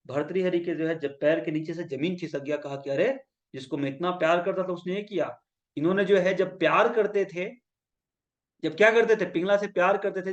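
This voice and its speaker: A man's voice: high-pitched, lo-fi sound. A man teaching a yoga class, telling stories and acting out quoted lines, often asking the students to repeat key points back to him. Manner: mixes English phrases into his talk. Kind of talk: lecture storytelling.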